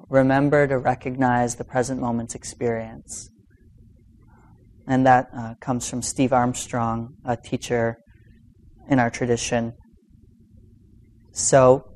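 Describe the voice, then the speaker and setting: A man teaching meditation in an informal dharma talk, speaking in a halting, reflective way with long pauses. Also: medium pitch, darkish tone. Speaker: meditation teacher giving a talk to a practice group.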